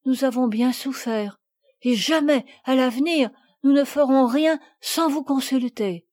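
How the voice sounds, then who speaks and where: A woman's voice: high voice, measured pace, darkish tone. A woman voicing an earnest, remorseful little girl in a storybook reading, speaking in a pleading way.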